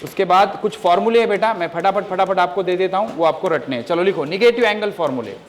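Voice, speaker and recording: A high-pitched man lectures a roomful of students, swinging from sharp scolding to patient, deliberate dictation of formulas. The classroom recording carries a faint hiss of background noise. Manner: scolding students loudly, then calm step-by-step teaching. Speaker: coaching class teacher.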